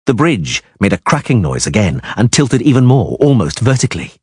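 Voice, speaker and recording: Husky, low male narrator for dramatic fantasy audiobook; dry close voice-over. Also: very animated, a little fast, a little mellow, no echo. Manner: emphatic, swelling on action words.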